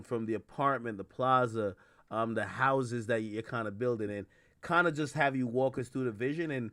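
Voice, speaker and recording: A Jamaican man hosts a livestream, interviewing guests by call and chatting casually in hip-hop slang, rambling, repeating himself, and often stammering mid-thought as he circles back. His medium-pitched voice is fairly bright, with studio quality and no room sound.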